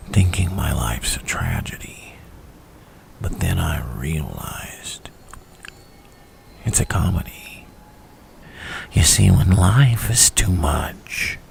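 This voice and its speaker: A menacing clown criminal, rumbles in an extremely low, creaky whisper. He speaks slowly and theatrically, coaxing and taunting with unhinged playfulness, like an ASMR villain roleplay with faint hiss behind him. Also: full character voice. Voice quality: breathy, gravelly whisper with creaky rasp. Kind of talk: ASMR roleplay, dramatic monologue.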